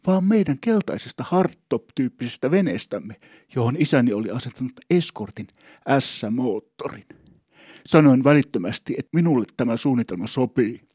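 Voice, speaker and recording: A man's voice: mid-range voice, warm tone, husky, no room sound, clean studio sound. A man telling a humorous story about himself in a rambling, wry, mock-solemn way, often stopping and restarting his thoughts. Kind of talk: humorous first-person storytelling.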